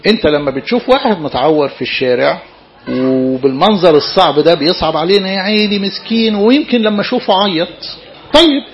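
A man's voice: fairly high pitch, fast talker, dull audio. A man with an Egyptian Arabic accent, a priest giving an interactive sermon to young listeners and keeping them engaged with questions. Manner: lively, keeps questioning his listeners.

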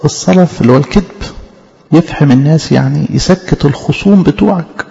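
A man with an Egyptian Arabic accent teaching scripture in an emphatic sermon, asking rhetorical questions and reading verses slowly. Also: a little high, creaky, mellow. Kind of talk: Bible study sermon. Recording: reverberant hall, dull lo-fi sound.

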